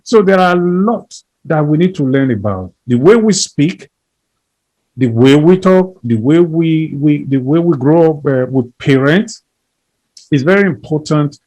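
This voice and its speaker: Appearing as an interview guest, this man has a fairly high, animated voice with a slightly mellow quality, delivered at a measured pace on a rough recording. He argues his case earnestly and emphatically in conversation, often repeating phrases and building up lists.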